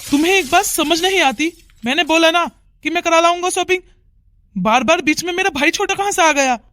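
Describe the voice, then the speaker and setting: A woman's voice: very high voice, a little fast, a bit bright, a little hiss or hum. A woman voicing a stern, demanding young husband in a cartoon who scolds insistently. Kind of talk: cartoon voice acting.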